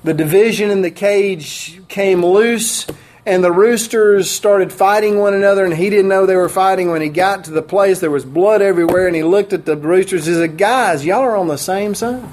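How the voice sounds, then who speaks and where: A man preaching in a church, his voice sitting noticeably high for a man. He is middle-aged and delivers the sermon in a folksy way, chuckling at his own asides. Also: fairly even intonation, normal speed, darkish tone, a little hiss or hum. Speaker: pastor. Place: church sanctuary.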